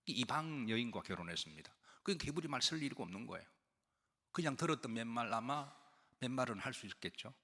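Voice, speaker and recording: A man's voice: medium pitch, expressive, fast talker, bright, forceful tone, husky. A man preaching as senior pastor in a conversational sermon, explaining and putting questions to the congregation. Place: church sanctuary. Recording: long church hall reverb.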